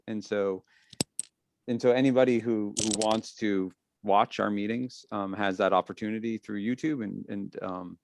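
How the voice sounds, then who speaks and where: A man leading a public meeting discussion, explaining procedures in a halting way and often repeating his phrases. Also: on the low side, dry recording. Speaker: meeting leader, school official.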